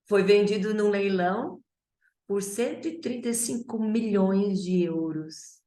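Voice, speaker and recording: Slow-talking woman teaching English. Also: mid-range voice, warm tone, reverberant. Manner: chatty, playful, mixes Portuguese with English. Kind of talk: online English class.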